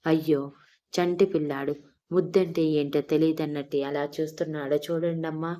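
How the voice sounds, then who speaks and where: A woman's voice: sits low, fairly even intonation, normal speed, warm tone, lightly acted. A woman voicing a young woman in love who pleads and scolds in an emotional way, in an audio story. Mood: teasing.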